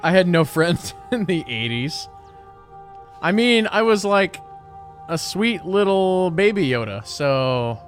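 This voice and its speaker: A man in his thirties streams a game and chats casually, joking, rambling and poking fun at himself. His voice sits high with lively intonation and a slow pace. Game music plays in the background.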